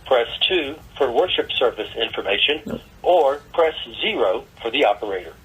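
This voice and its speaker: A man's voice on a church's recorded phone menu message, reading a scripted automated greeting in an even, formal way. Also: medium pitch, normal speed, slightly rough, low-quality recording. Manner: even, formal announcer delivery.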